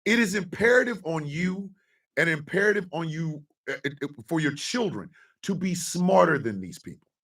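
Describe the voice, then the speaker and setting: A man in his fifties hosting a live stream, ranting with profanity and often breaking into shouts. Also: a little high, expressive, moderate pace, distant mic. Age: 50s. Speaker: host.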